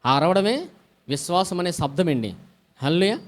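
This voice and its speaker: A man's voice: sits high, very animated, normal speed. A male pastor preaching a sermon, asking the congregation questions, answering them himself and calling out hallelujah often. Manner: call-and-response preaching with frequent hallelujahs.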